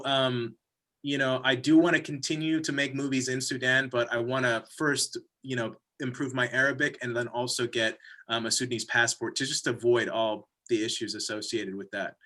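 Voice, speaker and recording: A man answers panel questions as a filmmaker. His voice is bright and forceful, and he pauses and restarts often, full of small fillers as he thinks aloud. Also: mid-range voice, fairly even intonation. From California. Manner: thoughtful, halting, many fillers.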